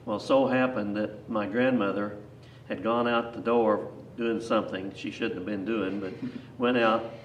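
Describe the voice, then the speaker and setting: An older man with a lowish voice tells a rambling grandpa story. He is folksy and plain-spoken, backtracking as he reminisces. The recording is echoey, with the microphone some distance away. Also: steady tone, measured pace, few pauses. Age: 60s or older. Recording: echoey, distant mic, faint noise.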